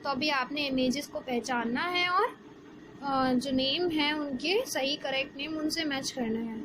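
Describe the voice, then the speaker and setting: A woman, teaching a Hindi lesson to young children and asking the class questions as she explains slowly. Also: high voice. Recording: background noise.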